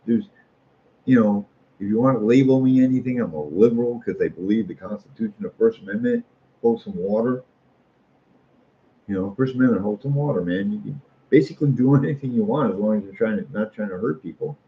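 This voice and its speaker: Speaking a little fast in a lowish register, a middle-aged American street artist delivers a loose, rambling monologue. His manner is folksy and opinionated, and he repeats phrases to stress them. Faint noise sits under the muffled, lo-fi recording.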